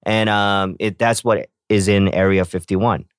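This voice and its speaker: A man in casual chat who tells stories with animated acted-out reactions. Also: lowish voice, unhurried, clean tone, dry recording, clean studio sound. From South Korea. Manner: animated storyteller, acts out reactions.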